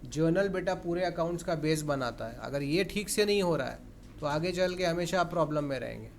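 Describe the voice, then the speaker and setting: A man teaches an accounts class in Hindi as a classroom lecture, often questioning and coaxing his students, using terms. His voice is a little high, and there's a slight hiss or hum.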